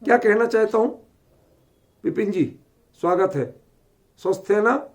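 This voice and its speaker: सवाल पूछते हुए पढ़ाता पुरुष शिक्षक. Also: male voice, high-pitched, measured pace. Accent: Delhi Hindi. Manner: questioning, keeps checking understanding. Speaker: Jain scripture teacher. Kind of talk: scripture lesson.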